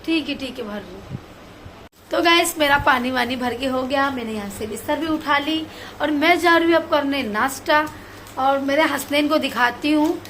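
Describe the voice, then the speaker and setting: A woman's voice: high voice, moderate pace, a bit bright, slight background noise. A young woman vlogging at home with a phone, coaxing her baby in affectionate, sing-song baby talk. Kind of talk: casual family vlog, talking to a baby. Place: home, indoors.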